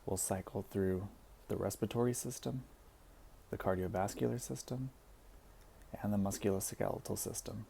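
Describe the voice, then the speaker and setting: A man with a deep, mellow voice leads a guided body scan meditation, giving gentle, soothing instructions with deliberate pauses between phrases. His tone carries noticeable vocal fry, and the recording has faint noise.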